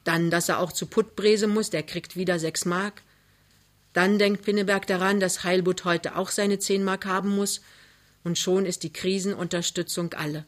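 A woman reading a novel aloud in a calm, measured narration. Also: on the low side. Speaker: reader. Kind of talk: literary reading.

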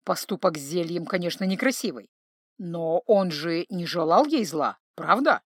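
A woman's voice: on the low side, lively intonation, moderate pace, husky, dry recording, clean studio sound, pitched below the performer's own voice. A woman voicing a worried, devoted older butler who speaks hesitantly and pleadingly.

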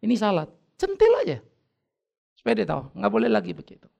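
Preaching fast in a high, gravelly voice, a middle-aged man from North Sumatra, Indonesia, tells stories with humor during his sermon. This pastor brings family dialogues to life by acting them out.

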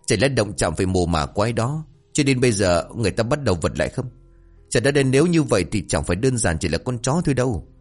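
A man voicing a village neighbor who gossips quickly and in hushed tones. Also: mid-range voice, lively intonation, soft background music, natural voice. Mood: whispering.

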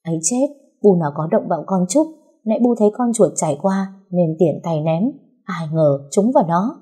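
A woman's voice: fairly low pitch, moderate pace, dark tone, slightly rough. A woman voicing a proud older mother-in-law who talks in a flustered, placating way.

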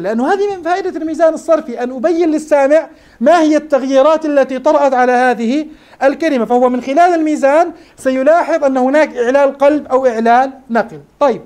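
A man's voice: very high-pitched, racing, darkish tone. A man teaching morphology in a classroom lecture, explaining step by step and asking his students questions.

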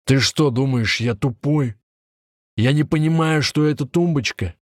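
A man doing a harsh, yelling older cop. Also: medium pitch, moderate pace, dry recording, studio quality, voice pushed up, lightly acted. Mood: yelling, contemptuous. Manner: shouting, crude and scornful. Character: harsh older male police officer, bullying. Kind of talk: audiobook narration.

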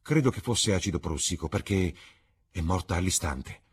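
Male reader as a deep-voiced worldly gentleman, grave and persuasive, storybook drama. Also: lively intonation, normal speed, exaggerated voice. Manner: grave, smooth and coaxing. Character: worldly, cynical older gentleman, calm and persuasive.

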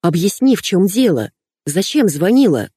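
A woman's voice: fairly low pitch, sing-song, normal speed, warm tone, slightly rough, no echo. A woman voicing a timid, fearful aging male poet in an audiobook reading, nervous and muttering. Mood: pleading.

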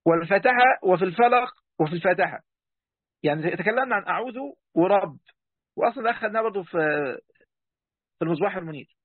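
An Egyptian sheikh with a high, quick voice teaches an online class, reading a text aloud and explaining it while chatting straight to his students and breaking off mid-word. He speaks with an Egyptian Arabic accent, and the dry recording sounds thin, narrow and tinny, like a phone.

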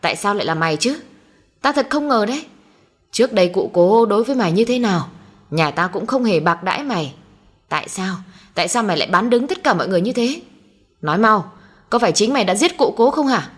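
A woman's voice: medium pitch, animated, quick pace, slightly rough. A woman doing an enraged young master. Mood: accusing. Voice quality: raised, scolding voice. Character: furious young master of a rich household, male.

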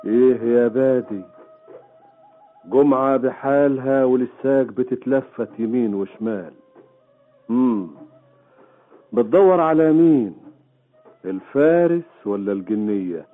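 A needling companion, played by an actor. His voice is medium in pitch, in an old radio drama with muffled sound and faint music. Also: measured pace, pauses often, lightly acted. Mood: teasing. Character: needling Bedouin companion, quoting proverbs. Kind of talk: Arabic radio drama acting. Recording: dull old radio recording, music behind.

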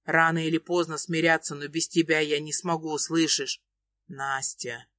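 Woman reading young male lover, lowered voice, growls and pleads, dry close mic. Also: little pitch movement, moderate pace, a bit bright, dry recording. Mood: pleading. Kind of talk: audiobook reading.

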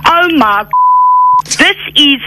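A woman's voice: high voice, expressive, slow pace, background noise. A woman on a radio phone call, arguing indignantly, repeating herself and swearing. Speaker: prank call target.

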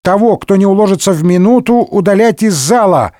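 A man's voice: high voice, animated, fairly quick, warm tone, no echo, clean studio sound, pitched above the performer's own voice. A man voicing a fussy deputy with a stuffy, nasal voice. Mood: officious. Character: fussy male deputy with a head cold.

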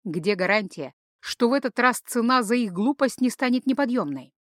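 A woman voicing a deliberate male companion in a fantasy audiobook, weighing each word. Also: fairly high pitch, animated, fairly bright tone, no room sound, clean studio sound. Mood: measured.

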